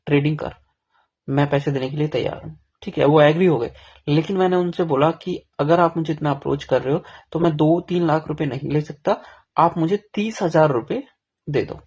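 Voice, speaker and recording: Young male vlogger, slightly higher voice, raspy grit, casual confessional delivery. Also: normal speed, a little mellow. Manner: frank, self-deprecating, rambling with restarts. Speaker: vlogger telling his trading story.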